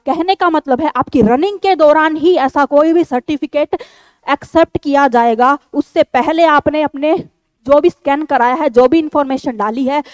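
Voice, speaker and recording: A woman with a high, bright-pitched voice coaches a group of exam candidates, speaking directly to them. She is firm and insistent, and she hammers home each point by repeating it. The sound is close and dry, with no room echo. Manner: addresses viewers as a group. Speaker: online exam-prep tutor. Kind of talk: direct-to-camera instructional talk.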